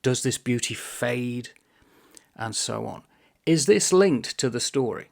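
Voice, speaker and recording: Gravelly middle-aged man musing on reading. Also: mid-range voice, expressive, a little mellow. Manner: thoughtful, pausing, musing aloud. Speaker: book vlogger. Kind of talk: reflective book vlog talk.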